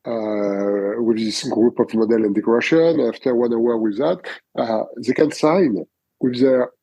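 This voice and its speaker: Man, French accent, gravelly, husky, halting, casual interview. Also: mid-range voice, steady tone, dark tone, no echo, rough recording. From France. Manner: halting, many fillers and restarts. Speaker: guest photographer.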